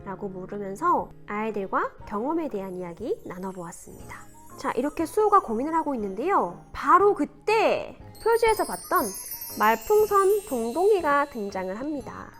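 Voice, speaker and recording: A woman teacher reading a picture book aloud and explaining class activities in an animated, sing-song storytelling manner. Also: sits high, normal speed, soft background music.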